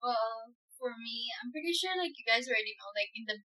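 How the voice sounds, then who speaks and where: Young woman host, fairly high voice, giggly, casual video-call chat, grew up in Papua New Guinea. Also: animated, brisk, pushed and bright, poor audio. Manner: giggly, laughs often. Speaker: podcast host.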